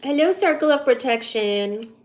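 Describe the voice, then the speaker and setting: A woman's voice: high-pitched, lively intonation, normal speed. A woman livestreamer chatting casually in short, playful, drifting remarks. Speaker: live streamer hosting a study stream.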